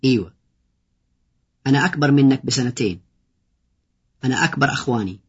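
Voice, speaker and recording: Man, husky voice, brisk delivery, language drill reading, dull lo-fi recording. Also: mid-range voice. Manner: reads short phrases with pauses. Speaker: language teacher. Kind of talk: slow read-aloud language drill.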